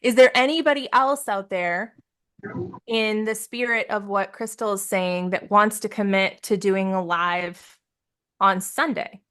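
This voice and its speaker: A business coach leads participants live over a video call, sounding upbeat and encouraging and laughing easily. Her voice sits at an ordinary middle pitch, slightly bright and clean, delivered at a measured pace.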